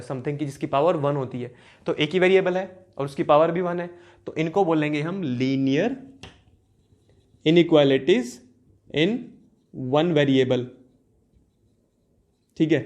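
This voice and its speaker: A young man gives a maths lecture in a fairly high voice for a man. He keeps quizzing his students and answering the questions himself. When he reads out expressions, he slows down and spells them out step by step. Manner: repeats key terms with quiz-like questions, slowing to spell out expressions. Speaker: maths teacher. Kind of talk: classroom lecture.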